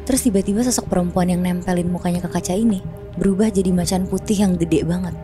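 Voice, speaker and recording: A woman's voice: lowish voice, fast, over music. A woman casually telling a horror story on a podcast, chatty and slangy, acting out sounds.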